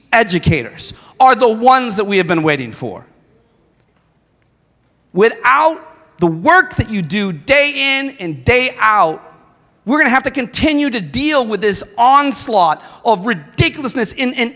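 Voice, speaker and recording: A man's voice: extremely high pitch, sharp tone. A middle-aged man giving an impassioned convention speech with a repetitive rallying cadence. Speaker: guest speaker. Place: large convention hall. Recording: echoey convention hall with crowd.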